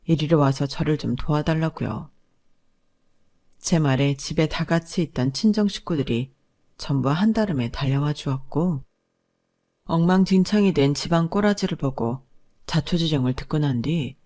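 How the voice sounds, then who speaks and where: A woman narrating a dramatic first-person story in a calm, measured way. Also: sits low.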